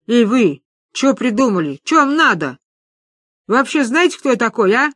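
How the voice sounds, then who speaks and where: A woman's voice: a little high, very animated, moderate pace, fairly bright tone, dry recording, voice pushed up. A woman voicing a cheeky teenage boy who turns whiny and pleading, reading a story aloud. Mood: scared. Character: scared cheeky teenage boy, a petty thug.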